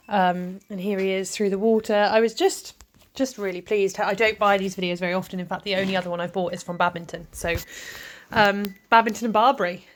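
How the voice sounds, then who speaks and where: A woman talks casually over clips of her own horse riding, in an easygoing, rambling way. Her voice sits in a middle pitch for a woman, and she fills her pauses with ums as she chats through the footage. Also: fairly bright tone. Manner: chatty, rambling, lots of ums. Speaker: vlogger and event rider.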